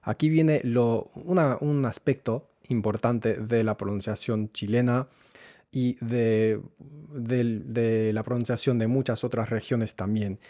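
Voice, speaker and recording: A man teaching a Spanish lesson, going slowly and repeating words so learners can follow. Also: mid-range voice, fairly even intonation, warm tone, no room sound, studio quality. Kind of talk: language lesson.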